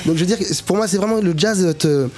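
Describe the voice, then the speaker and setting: A man's voice: high-pitched, brisk, a little mellow, soft background music. A male musician as an interview guest, talking in a casual, searching way and often restarting his phrases.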